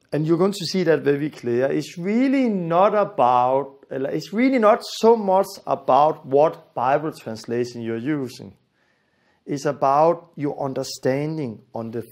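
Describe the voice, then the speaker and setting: A man's voice: a little high, darkish tone. A man from Denmark with a Danish accent and Danish as his first language, giving an earnest, emphatic Bible lesson that repeats its key phrases. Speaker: Bible teacher.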